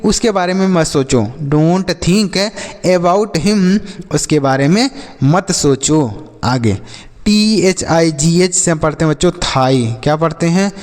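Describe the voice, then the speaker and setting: A man teaching English vocabulary in a slow lesson, asking and answering his own questions with many repetitions. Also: on the high side, expressive, a little mellow, long reverb tail. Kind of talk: spoken language lesson.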